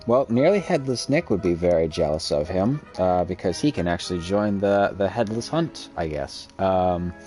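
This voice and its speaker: A man's voice: sits low, a little mellow. A man giving casual let's-play commentary over a game, rambling with many ums and uhs. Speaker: gameplay commentator.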